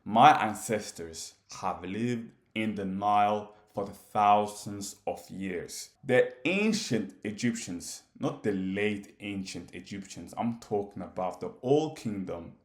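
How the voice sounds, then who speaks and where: This commentator is a Somali man, a native Somali speaker, talking straight to camera in a monologue that challenges and questions, stressing each point. His voice is on the low side and slow, with few pauses. The audio is reverberant.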